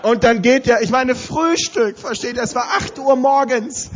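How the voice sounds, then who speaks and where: A man preaching, telling a funny story in an animated, often laughing way before citing scripture. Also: extremely high pitch, moderate pace, highs cut off, a little hiss or hum. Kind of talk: story-driven sermon.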